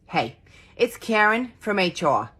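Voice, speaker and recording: A woman's voice: mid-range voice, big pitch swings, unhurried, fairly bright tone, slightly rough. A woman doing a comic sketch, repeating one greeting in a string of mimicked accents. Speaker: TikTok comedian.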